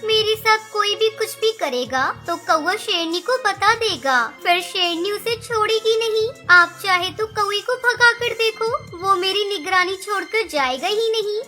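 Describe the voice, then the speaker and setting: In a children's cartoon story, a woman plays a clever, bold little mother bird who scolds emphatically, bold and insistent in mood. Her voice is very high, her pace measured with few pauses, and music plays underneath.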